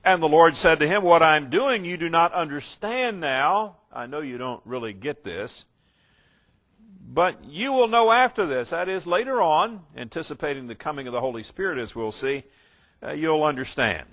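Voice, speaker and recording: A man with a fairly high, animated voice teaches a Bible passage one verse at a time at a moderate pace. He reads each line with growing emphasis before quieter asides explaining it, now and then tripping up and starting a phrase over.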